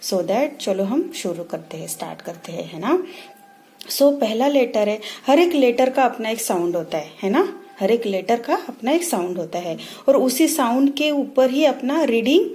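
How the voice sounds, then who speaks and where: A woman leads a phonics lesson meant for parents at home. She talks slowly and says each letter sound more than once so it can be copied. Her voice sits a little higher than most. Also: animated, mellow. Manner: slow, repeats sounds for practice. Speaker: teacher.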